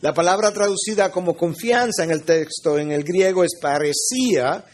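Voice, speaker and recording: High-voiced man preaching a sermon. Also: moderate pace. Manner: earnest teaching, addresses listeners directly as "tú". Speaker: pastor.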